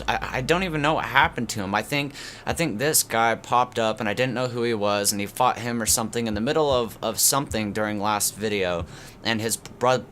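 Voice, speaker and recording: With a medium-pitched, fairly bright voice thickened by a cold, this gaming channel host sounds like he's speaking through a tube. His loose commentary wanders with plenty of fillers and false starts, and there's slight background noise.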